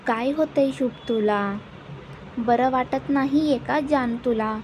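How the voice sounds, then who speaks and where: A woman's voice: high voice, slow pace, a little mellow, a little hiss or hum. A woman reading as a coaxing young woman.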